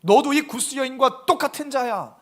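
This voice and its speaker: A man's voice: very high-pitched, moderate pace, a bit bright. A man preaching, who voices God sternly scolding a proud sinner.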